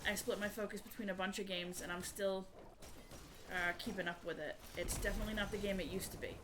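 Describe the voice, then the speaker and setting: A woman's voice: mid-range voice, steady tone, quick pace, background noise. A woman game streamer chatting casually with viewers and explaining things in a conversational way. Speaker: variety gamer and streamer.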